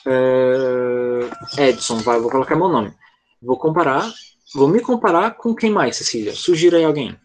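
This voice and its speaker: A man's voice: mid-range voice, measured pace, slight background noise. A man with a Brazilian Portuguese accent, an English teacher explaining grammar step by step in an online class, often checking whether his student follows.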